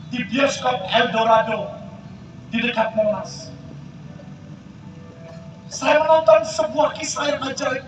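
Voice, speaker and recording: Older man preaching, high and echoing. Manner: dramatic storytelling, addresses crowd directly. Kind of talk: sermon testimony. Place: outdoor field event. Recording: echoey PA sound from far off.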